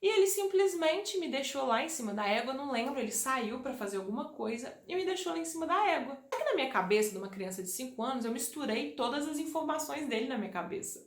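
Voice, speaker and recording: A woman vlogger telling a personal childhood story to her viewers, animated and often turning to them directly. Her voice sits fairly high and rings a little in a roomy, echoey space. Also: fast, hardly any pauses. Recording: echoey room.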